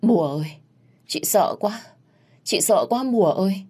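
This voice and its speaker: A woman's voice: mid-range voice, takes it slowly, darkish tone, slightly rough, pitched above the performer's own voice. A woman voicing a frightened pregnant young woman who stammers and trembles. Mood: fearful.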